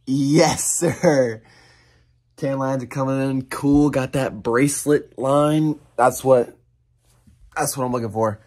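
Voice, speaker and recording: A man's voice: medium pitch, no room sound. Tired young man vlogging from camp. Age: young adult. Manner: relaxed, rambling, many fillers. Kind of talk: casual vlog talk to camera. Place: outdoors at a summer camp, and on a cabin floor. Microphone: phone held at arm's length.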